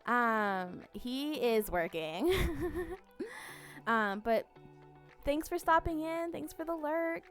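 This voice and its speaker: Woman live-streamer, unhurried chatty delivery full of "um"s, bursts of bubbly greetings, faint music underneath. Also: high voice, expressive, a bit bright. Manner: rambling, many fillers and restarts, reads chat aloud. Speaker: streamer reading chat. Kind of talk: casual live-stream chat.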